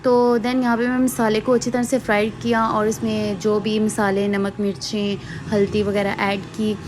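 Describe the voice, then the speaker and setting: A woman's voice: mid-range voice, flat delivery, normal speed, darkish tone, slight background noise. A young woman, chatting casually through a home cooking vlog voice-over, with asides and fillers. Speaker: vlogger. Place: hot room at home, fan switched off.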